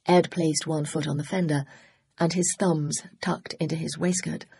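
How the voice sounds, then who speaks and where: A woman narrating an audiobook in a measured storytelling manner. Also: sits low, fairly even intonation, dark tone, slightly rough.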